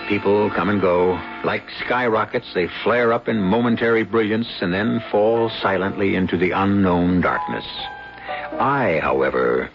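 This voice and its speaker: Droll guy hosting an old drama show, low creaky voice, muffled broadcast. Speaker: host of a drama anthology. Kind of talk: wry scripted narration.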